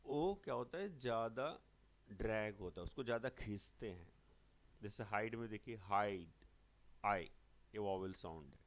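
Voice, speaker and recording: A man's voice: on the low side, lively intonation, normal speed. An Indian man teaching English grammar, who mixes Hindi and English, spells words out letter by letter, and keeps telling the class to look carefully.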